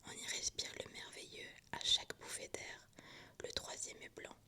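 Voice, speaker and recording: A woman presenting books in a soft, hushed ASMR whisper, like someone whispering in a library. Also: normal speed. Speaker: book vlogger presenting a reading list.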